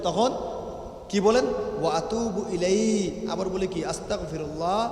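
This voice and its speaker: Male waz preacher, high voice, call-and-response, long PA reverb. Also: unhurried, a little mellow. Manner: call-and-response with crowd, sung Quran verses. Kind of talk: Bengali waz sermon. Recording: echoey open-air venue PA.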